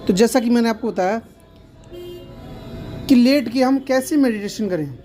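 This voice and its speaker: A man's voice: extremely high pitch, moderate pace, dark tone, faint music behind. A man teaching meditation in an earnest, explanatory way, often repeating himself. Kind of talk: instructional talk to camera.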